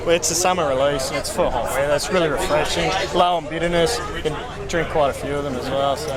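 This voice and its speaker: A man's voice: a little high, fast talker. An Australian man with a laid-back, blokey tradesman way of talking, chatting casually in an interview as a craft brewer. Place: outdoors at a busy beer festival. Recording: outdoor festival, loud crowd and music behind.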